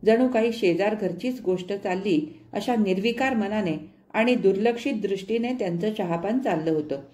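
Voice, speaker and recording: A woman narrating a short story in a measured, expressive storytelling manner. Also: mid-range voice.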